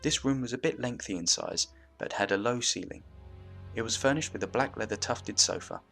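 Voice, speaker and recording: Low bright-toned male storyteller. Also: a little fast, creaky, faint music behind. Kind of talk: scripted story narration.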